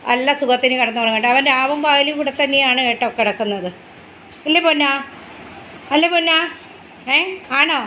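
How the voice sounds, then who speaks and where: A woman's voice: on the high side, fairly bright tone, slight background noise, low-quality recording. Chatty woman vlogging her pets. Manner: chatty, tender, often coos to the dogs. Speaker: pet vlogger. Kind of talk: casual vlog narration.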